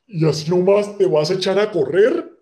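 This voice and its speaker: A man's voice: sits high, moderate pace, mellow, lightly acted. A man voicing a big male dragon who is timid and talks nervously. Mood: fearful. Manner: nervous, worried.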